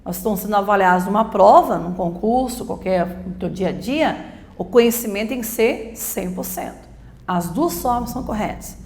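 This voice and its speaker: A woman's voice: medium pitch, animated, normal speed, a little mellow, echoey room. A woman teacher, teaching a grammar lesson for exam prep, explaining step by step and asking and answering her own questions.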